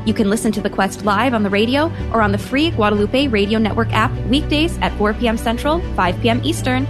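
Young woman, radio host promo, inviting tone, clear music bed underneath. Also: a little high, a little fast.

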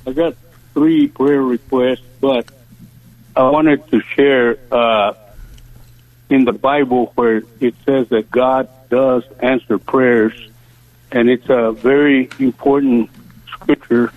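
A man in his seventies calls into a radio prayer show, earnest and halting as he shares a request. His voice comes through a tinny phone line, with dry sound and no room echo. His pitch sits in a middling range. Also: steady tone. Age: 70s. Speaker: caller.

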